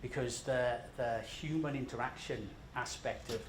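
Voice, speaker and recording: A Scottish man with a medium-pitched voice speaks at a moderate pace, giving a conversational, self-deprecating conference presentation. He sounds jet-lagged and uses lots of fillers. The large conference room is echoey, with faint noise in the background.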